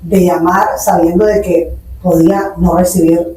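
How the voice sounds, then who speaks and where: This podcast guest, a Nicaraguan woman in her forties who runs a business, speaks in a lowish, warm, steady voice at a moderate pace. She tells her story earnestly through anecdotes, mixing in English terms, and the distant mic in an echoey room catches slight background noise.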